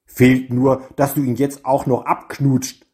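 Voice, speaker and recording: A man's voice: medium pitch, sing-song, a little slow, creaky, darkish tone, slightly rough, heavily acted. A man voicing an anxious, impatient young male friend in a storybook reading, urgent and agitated. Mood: mocking.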